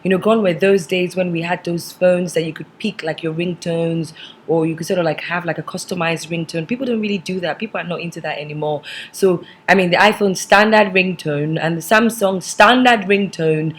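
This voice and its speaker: Hoarse Nigerian woman vlogger, voice swallowed. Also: fairly low pitch, steady tone, brisk, a little hiss or hum. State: hoarse, partly lost voice. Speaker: vlog host. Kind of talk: casual chatty vlog monologue.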